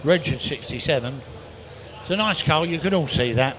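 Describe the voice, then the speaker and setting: A man's voice: fairly high pitch, lively intonation, fairly bright tone, low-quality recording. A man with an English accent working as an auctioneer, giving a live auction patter with repetitive bid calls and chatty asides. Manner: rapid repetitive calling of bids, chatty asides. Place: live car auction, amplified to bidders. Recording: live auction sound with clear background noise.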